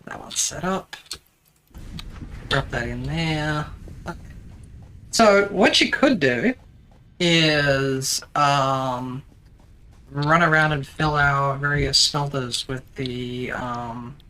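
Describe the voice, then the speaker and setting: A streamer with a bright, forceful voice, talking casually through a live game. The delivery is dry and teasing, explaining steps to a co-player with plenty of ums. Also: medium pitch, slow, long pauses, slight background noise. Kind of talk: casual live-stream chat while playing.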